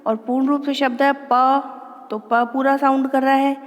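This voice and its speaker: A woman teacher giving an online lesson to children, patiently drilling words slowly and explaining in a mix of Hindi and English. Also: high-pitched, level tone, big-room sound. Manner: slow, careful word-by-word pronunciation drills.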